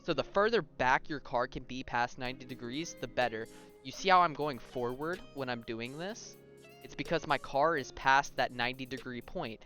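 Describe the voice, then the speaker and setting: Explaining a video game tutorial at normal speed, a young man with a sharp-toned, mid-pitched voice keeps things relaxed and informal. He addresses his viewers directly and checks in with them, while faint music sits underneath.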